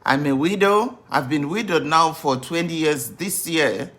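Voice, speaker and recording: A woman in her fifties, a grief coach hosting a live stream, welcoming viewers over and over in an unhurried way with many fillers. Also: low-pitched, fairly bright tone. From Zimbabwe.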